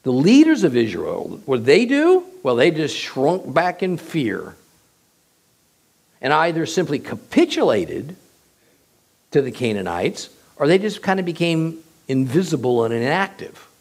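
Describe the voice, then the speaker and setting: Guy doing a bible study, gravelly voice, pitch jumps all over, leans hard on words. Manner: expressive, emphatic delivery with drawn-out pauses. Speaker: Bible teacher. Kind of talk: verse-by-verse Bible teaching.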